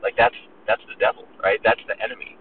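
Man preaching from afar, tinny. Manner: earnest, emphatic, slows down on key words. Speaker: pastor. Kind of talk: sermon. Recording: distant phone-like recording with faint noise.

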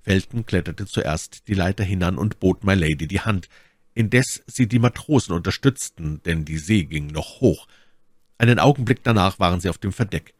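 A man with a very deep voice narrates a classic novel, his delivery lively and theatrical with wide swings in pitch. The recording is close and dry, with no room sound. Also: normal speed, dry recording. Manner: expressive, theatrical reading. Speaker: audiobook reader.

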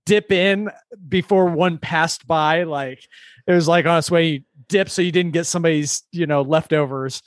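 A man's voice: on the high side, steady tone, moderate pace, dry recording, studio quality. A man co-hosting a podcast in casual chat, rambling and restarting his sentences with laughs. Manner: rambling, self-interrupting, laughing. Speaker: podcast co-host.

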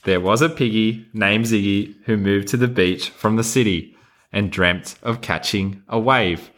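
An adult Australian man who hosts a podcast speaks a little slowly in a low-ish, somewhat bright voice. He chats casually and reads a children's storybook in a playful, encouraging way.

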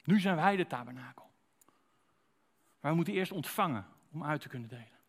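A man delivering a sermon in a relaxed, conversational way, often turning to the congregation with direct questions. His voice sits a little high for a man, and he keeps an easy, talkative delivery. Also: a little fast. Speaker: preacher.

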